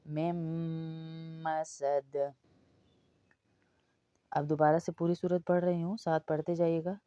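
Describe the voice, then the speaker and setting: Woman teaching slow Quran recitation. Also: on the low side, flat delivery, warm tone, no room sound, muffled recording. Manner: slow drawn-out recitation alternating with rapid explanations. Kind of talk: word-by-word Quran recitation lesson.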